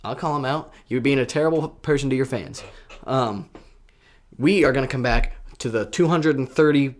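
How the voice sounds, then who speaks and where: A man's voice: mid-range voice, moderate pace. Man co-host, casual podcast chat, playful, trips over restarts. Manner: playful, stumbles and restarts often.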